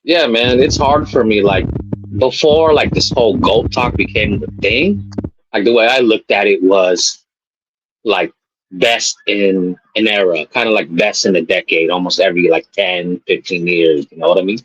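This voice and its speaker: Male guest heard through a video call, low register, dull call sound, easygoing and chatty. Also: normal speed, slightly rough, dry recording. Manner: relaxed, loose, filler-heavy. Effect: heard over a video call. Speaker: guest on a live stream. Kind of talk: casual basketball chat. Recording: muffled lo-fi call audio.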